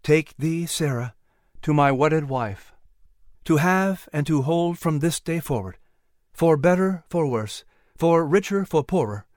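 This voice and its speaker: Guy doing an earnest groom saying vows, solemn and formal, voice a bit high. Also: animated, unhurried, darkish tone, dry recording, studio quality. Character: earnest young groom speaking his vows.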